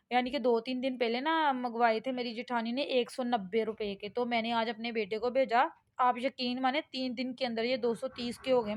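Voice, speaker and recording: A middle-aged woman from Pakistan, talking casually and rambling through a home cooking vlog. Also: on the high side. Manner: chatty and rambling, with frequent fillers and laughs at herself. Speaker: vlogger.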